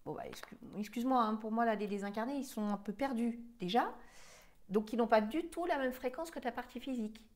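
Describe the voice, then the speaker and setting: A woman's voice: a little high, a little fast. Insistent woman hypnotherapist, probing questions. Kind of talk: regression hypnosis session.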